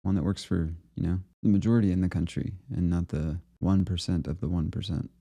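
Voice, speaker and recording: A man with a low, very dark and mellow voice talks through clips in a loose, rambling way. He fills his thoughts with "uh" and "you know" and keeps a laid-back, casual tone. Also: a little fast, vocal fry, lo-fi sound. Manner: rambling and relaxed, with fillers and laughs. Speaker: host of a conspiracy video series. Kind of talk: casual commentary reacting to clips.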